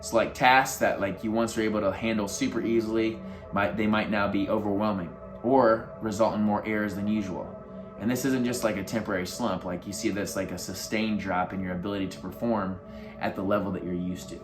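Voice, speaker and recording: A man's voice: on the low side, fairly even intonation, fairly quick, over music. A man talking as a life coach, giving earnest motivational advice to camera in a casual way with lots of fillers.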